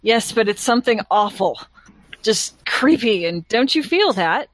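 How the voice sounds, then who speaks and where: A woman's voice: a little high, sing-song, measured pace, no room sound, poor audio. A woman chatting casually as a player in a tabletop role-playing game, hesitant and trailing off between phrases.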